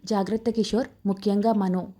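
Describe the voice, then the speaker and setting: A woman's voice: medium pitch, steady tone, brisk, warm tone, lightly acted. A woman voicing a stern young male police officer in a storybook romance, speaking in short, curt lines. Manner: curt, serious.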